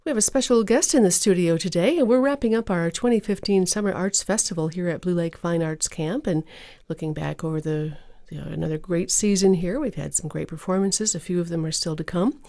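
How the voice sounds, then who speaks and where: A woman speaking as a public radio host, presenting classical music and interviews in a measured, conversational announcer's manner. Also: on the low side, mellow. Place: radio studio.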